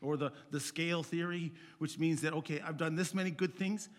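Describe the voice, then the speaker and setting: A male pastor preaching a sermon in an earnest, conversational way, swinging from loud emphatic peaks to quiet, low phrase endings. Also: steady tone, fairly quick.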